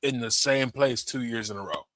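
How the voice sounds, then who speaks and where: Bright, dry-voiced male podcast co-host. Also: medium pitch, normal speed, dry recording. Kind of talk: casual podcast chat. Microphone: plug-and-play USB mic.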